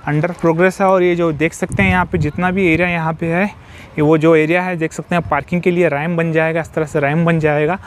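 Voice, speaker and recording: A civil construction site vlogger walks an outdoor building site, filming on a handheld phone and explaining the work repetitively, sprinkled with English technical terms. His voice is on the high side with fairly even intonation and a fairly quick pace, and the background is noisy.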